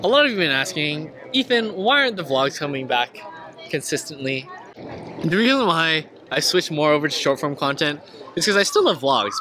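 A man's voice: a little high, background noise. A young man chatting casually and upbeat in a vlog, talking into a small handheld mic in an outdoor hot tub. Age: young adult. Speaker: vlogger. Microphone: handheld mini mic. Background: music.

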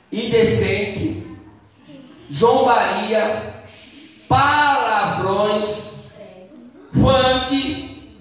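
High-voiced man teaching children in church. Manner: animated, asks the children questions. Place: church hall. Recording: echoey church hall, distant mic.

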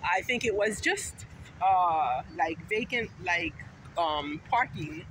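A middle-aged Haitian woman, a vlogger and teacher, talks casually to the camera while walking through a sunny city park. Her voice is lowish with lively intonation and she takes it slowly, rambling in a chatty, emphatic way. She holds her phone at arm's length, and the outdoor recording is noisy.

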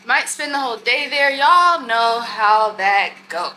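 A young woman vlogging casually to her viewers from a hotel room and balcony, chatty and animated, filmed on a phone held at arm's length. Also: on the high side, unhurried, soft background music. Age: young adult. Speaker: travel vlogger. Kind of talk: casual vlog to camera. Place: hotel room and balcony at night, outdoors by a city street. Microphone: handheld phone camera at arm's length.

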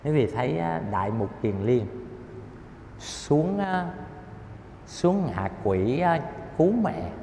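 A man giving a colloquial, emphatic Buddhist dharma talk, telling stories with drawn-out filler particles. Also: big pitch swings, vocal fry, mellow. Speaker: Buddhist lecturer. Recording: echoey hall with faint rumble.

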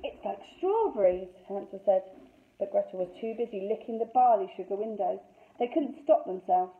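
A woman teacher reading a fairy tale aloud to young children in an expressive, lively storytelling voice, on a thin phone-like recording. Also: medium pitch, brisk. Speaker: infant school teacher.

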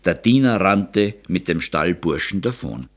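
A male audiobook narrator reading a classic novel. His voice sits low, and his intonation moves in lively, animated arcs, giving the prose an expressive storytelling lift. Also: measured pace. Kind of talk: scripted narration.

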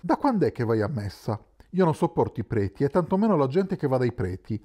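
A man's voice: medium pitch, big pitch swings, a little fast, warm tone. A man reading the part of a burly, scheming former miner in an audiobook, speaking bluntly. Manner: blunt, conspiratorial.

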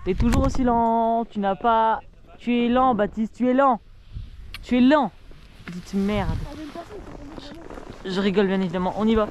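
A man's voice: very high voice, normal speed, pauses often. A young man vlogging casually while skiing down a snowy slope, teasing and joking as he talks to an action camera. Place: outdoors on a snowy ski slope. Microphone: action camera worn while skiing. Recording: loud wind noise on an action camera.

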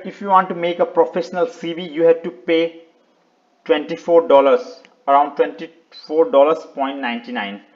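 Narrating his screen without a script, this man gives a step-by-step website walkthrough for a video tutorial, his voice slightly high. He talks in brief, hesitant bursts and frequently says things twice, on a dull, lo-fi recording.

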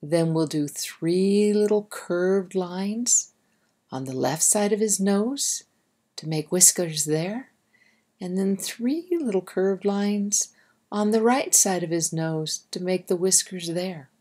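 Her voice is fairly low, slow and mellow as she reads to young children. Acting as a storybook reader and drawing guide, she addresses the listener directly and keeps her instructions simple.

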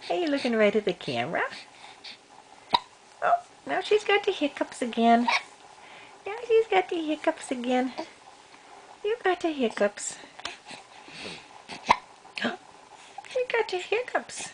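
Older woman, babysitting grandmother; unhurried, repetitive sing-song baby talk, recorded on a hissy home camcorder. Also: high voice, very animated. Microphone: camcorder mic. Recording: noisy home camcorder audio.

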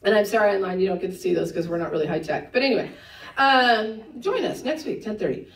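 Animated woman pastor preaching in an echoey church. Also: medium pitch, recorded from a distance. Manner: conversational, teasing asides with quick laughs. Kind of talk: sermon. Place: church sanctuary. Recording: echoey church room, voice a bit off-mic.

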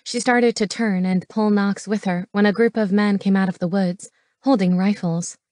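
A woman reading an audiobook as its narrator, steady and matter-of-fact. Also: mid-range voice, moderate pace, dry recording. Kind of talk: scripted narration. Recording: dry studio voice.

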